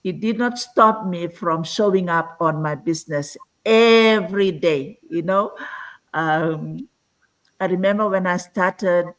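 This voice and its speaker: A woman's voice: lowish voice, slow pace, low-quality recording. A woman in her sixties from Fiji, a guest on an online live-stream interview, telling her story earnestly and filling her sentences with "you know". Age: 60s. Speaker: guest entrepreneur.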